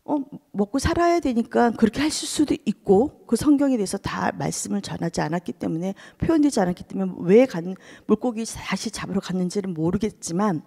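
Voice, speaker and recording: A woman's voice: mid-range voice, animated, fairly quick, gravelly, few pauses, dark tone, husky, long reverb tail. A woman associate pastor preaching at a dawn service, asking her congregation question after question and dropping to a whisper for emphasis. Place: church sanctuary.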